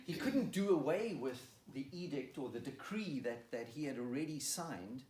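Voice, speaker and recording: A man preacher retelling a Bible story in the first person, animated and lively. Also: measured pace. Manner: animated, rises to excited high pitch when tense. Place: church hall. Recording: roomy hall, mic at a distance.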